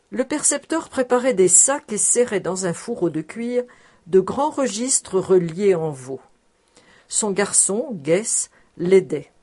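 A woman narrating a classic novel aloud, clear and measured in her storytelling. Her voice sits at a middling pitch for a woman and stays steady through the prose. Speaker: audiobook narrator. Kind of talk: scripted literary narration.

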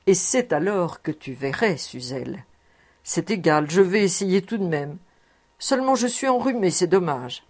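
A woman's voice: fairly low pitch, lively intonation, moderate pace, darkish tone, breathy edge. A woman voicing a cheerful, boastful grown man who loves showing off his music. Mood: jovial.

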